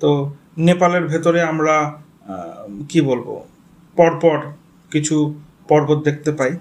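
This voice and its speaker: A man with a Bengali accent teaches a geography lesson to exam students, walking through the material step by step, spelling out names and checking in with the class. His voice is fairly high, a little slow and slightly mellow.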